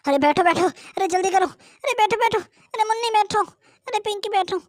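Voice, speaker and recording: A woman's voice: very high voice, animated, normal speed, dry recording, clean studio sound. A woman voicing two chatty young village girls in a doll story, exclaiming often. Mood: panicked.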